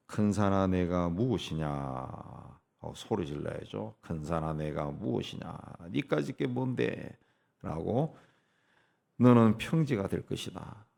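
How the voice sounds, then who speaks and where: A middle-aged man delivers an early-morning sermon in a very low voice with a gravelly, fry-laden edge. He preaches emphatically, repeating key phrases and dropping in short affirmations between them. His lines climb in sudden bursts of emphasis, then settle back to a deep, steady tone. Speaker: pastor.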